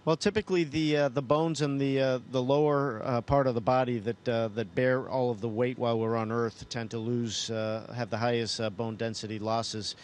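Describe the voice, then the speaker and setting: Speaking from inside a space station, an astronaut fields questions over a space-to-ground radio connection, and the downlink is noisy. His mid-range voice holds a steady tone at normal speed, with few pauses.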